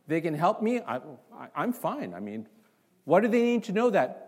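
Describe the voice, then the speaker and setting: Animated male pastor preaching a sermon. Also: high-pitched, normal speed, slightly rough. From Canada. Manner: animated, asks the congregation rhetorical questions. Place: church.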